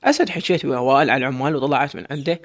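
A man's voice: mid-range voice, very fast, no echo, studio quality, close to an everyday voice. A man voicing a proud sheikh, commanding and stern. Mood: curious.

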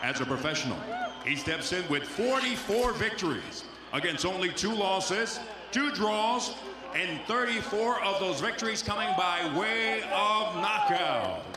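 Male ring announcer in lucha libre showman style, high and slow, booming drawn-out calls. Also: animated. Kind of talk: formal ring announcement in English and Spanish. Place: boxing ring in a large indoor arena. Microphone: handheld microphone. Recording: echoey, noisy arena PA.

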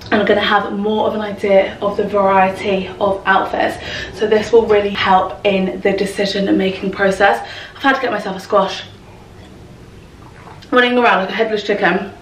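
A woman's voice: medium pitch, little pitch movement, normal speed, slight background noise. A young woman vlogger gushing about her outfits as she sorts clothes at home. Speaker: fashion vlogger. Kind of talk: casual styling chat to camera. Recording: roomy echo, distant from the mic.

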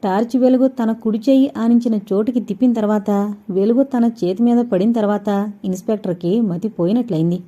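A woman reads a suspense story aloud in a deep, mellow, dark-toned voice. She keeps a steady, measured pace and lets quiet dramatic pauses hang between sentences. The recording is dull and lo-fi. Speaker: audiobook narrator. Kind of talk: storytelling narration of a suspense novel.

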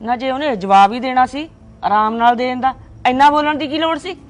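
A woman's voice: high-pitched, fairly quick, lightly acted. A woman playing a pushy middle-aged aunt. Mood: indignant. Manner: indignant, insistent. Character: scheming aunt set on arranging a match. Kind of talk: amateur drama acting.

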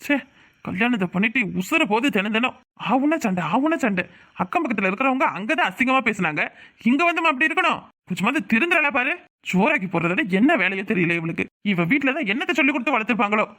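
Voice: medium pitch, lively intonation, fast talker, sharp tone. Someone doing a grumbling cartoon husband. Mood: scolding. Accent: Tirunelveli Tamil. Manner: nagging, complaining rants. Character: irritable young husband, grumbling and scolding. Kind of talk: cartoon voice acting.

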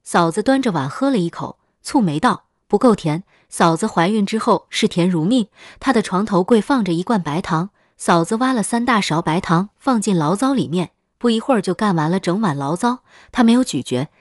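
Woman reading a creepy first-person story, medium pitch, steady, dry close mic. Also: fairly quick, hardly any pauses, no echo. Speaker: story narrator. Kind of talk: scripted first-person horror story narration.

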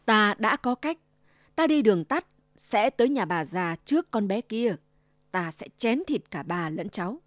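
A wicked old wolf voiced by a woman in a dry, close storybook reading. He growls when plotting and softens into a fake, trembling grandma voice to fool the child. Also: medium pitch, animated, unhurried, no room sound, close to an everyday voice. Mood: gloating. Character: wicked old male wolf, greedy and sly.

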